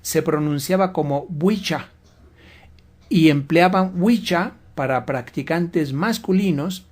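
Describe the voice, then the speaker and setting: A man giving a measured, lecturing talk as a guest on a religious radio program. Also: a little high.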